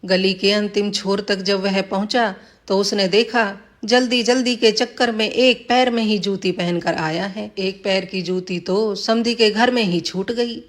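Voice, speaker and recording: A woman tells a village folk tale in a plain storybook reading. Her voice sits at a middling pitch for a woman. She gives the villagers' lines only a light touch. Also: steady tone, measured pace. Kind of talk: scripted story narration.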